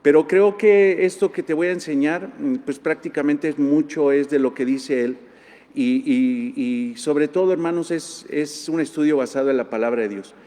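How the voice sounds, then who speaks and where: A man's voice: a little high, normal speed, mellow. A man preaching a sermon earnestly, repeating key points and addressing the congregation as brothers. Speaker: pastor. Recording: long hall reverb.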